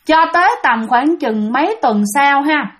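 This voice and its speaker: High-voiced woman storyteller. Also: animated, unhurried, a bit bright. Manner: chatty, addresses listeners directly. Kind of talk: spoken ghost-story narration.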